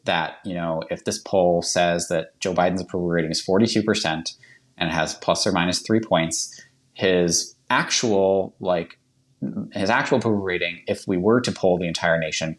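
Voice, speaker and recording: A man with a Boston accent, a guest explaining polling on a podcast in a quick, chatty way full of fillers and self-corrections. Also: low-pitched.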